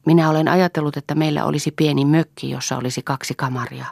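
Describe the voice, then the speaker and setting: A woman's voice: sits low, steady tone, vocal fry, darkish tone, no echo, studio quality. A woman voicing a tender young woman who speaks in a wistful, pleading way, in a read-aloud story. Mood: dreamy.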